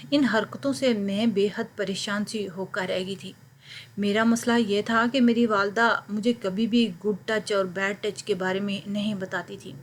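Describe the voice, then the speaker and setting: A woman's voice: medium pitch, a little hiss or hum. Woman narrating a story in earnest tones. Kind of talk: first-person story narration.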